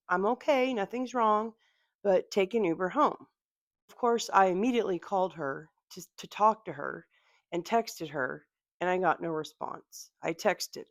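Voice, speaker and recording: A woman's voice: on the low side, moderate pace, creaky, no echo. A woman vlogger telling a personal story to her viewers in an earnest, direct way.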